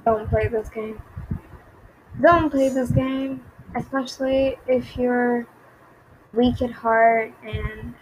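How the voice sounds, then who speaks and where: A woman's voice: fairly high pitch, fairly even intonation, slow pace, breathy edge, rough recording. A young woman giving nervous game commentary, repeating herself and reacting to jump scares. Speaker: gaming YouTuber.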